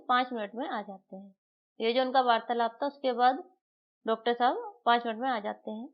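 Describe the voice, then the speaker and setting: A woman's voice: a little high, lo-fi sound. Woman teacher reading a play aloud. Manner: reads each character's lines and then explains them in her own words. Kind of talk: reading and explaining a play for a class.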